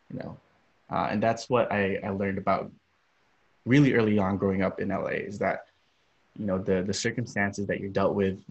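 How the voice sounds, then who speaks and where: A young man from Los Angeles, a podcast guest, talking about his upbringing in a relaxed, rambling way with many fillers. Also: on the low side, slightly rough. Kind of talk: casual interview. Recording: dull lo-fi audio.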